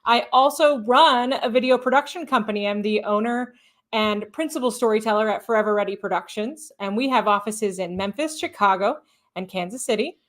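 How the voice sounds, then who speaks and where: A woman's voice: fairly high pitch, fairly quick. A woman speaking passionately as a guest on a live podcast, with a polished news-reporter cadence. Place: stage at a live event.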